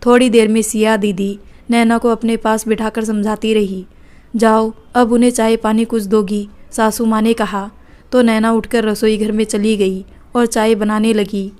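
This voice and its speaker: A woman reading a family story aloud as narrator, in a steady scripted style. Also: on the high side, normal speed.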